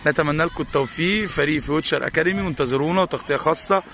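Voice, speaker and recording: A man with an Egyptian accent interviewing young players as a pitch-side sports reporter, firing off repeated questions. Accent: Egyptian Arabic. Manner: rapid, repetitive questioning. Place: outdoor football ground. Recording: noisy outdoor pitch-side recording.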